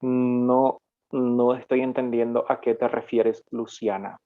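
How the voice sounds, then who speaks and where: Man, Paraguayan teacher, live online lesson, unhurried, fillers and restarts, slightly muffled audio. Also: medium pitch, level tone. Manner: explanatory, with frequent fillers and self-corrections. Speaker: Guarani language teacher.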